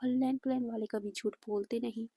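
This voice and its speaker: A woman narrating a fan fiction story in a soft, breathy way that often drops near a whisper, recorded close to the mic. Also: on the high side, fairly even intonation, brisk.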